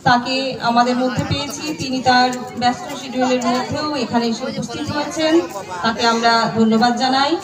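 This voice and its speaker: High-voiced woman announcer over echoing PA. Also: steady tone, fairly quick. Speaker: event announcer, master of ceremonies. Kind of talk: formal stage announcements. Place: outdoor public stage event. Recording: echoey outdoor PA, distant, loud crowd.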